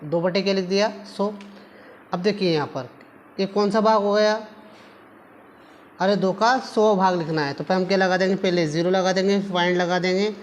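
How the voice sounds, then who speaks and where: A man's voice: sits high, fairly even intonation, moderate pace, long pauses, a little hiss or hum. A man teaching a maths class at a board, patiently asking his pupils rhetorical questions and answering them himself, calling them affectionately children. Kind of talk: classroom lesson explaining at a board.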